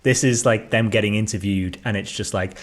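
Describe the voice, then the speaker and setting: A low-pitched man co-hosting a casual podcast chat. He rambles and hesitates, filling his sentences with ums as he works through a point. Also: steady tone, fairly quick. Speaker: podcast co-host.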